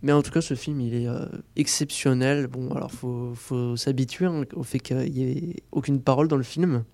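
A man talks through a film review on a campus radio show, hesitating often and restarting his phrases. His voice is mellow and mid-pitched. The studio sound is dry and close. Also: steady tone, normal speed, vocal fry, no echo. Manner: hesitant, many fillers and restarts. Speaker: film columnist.

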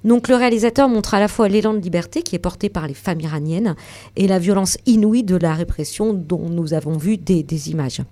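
A woman hosting a casual radio chat, calmly reading out a film recommendation with a little irony. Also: fairly low pitch, fairly quick. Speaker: radio show host.

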